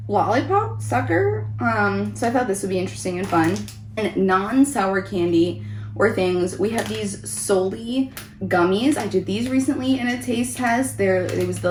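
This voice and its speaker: A woman's voice: mid-range voice, moderate pace, a little mellow. A woman giving a casual, chatty food review as host of a taste test vlog. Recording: roomy echo, background noise.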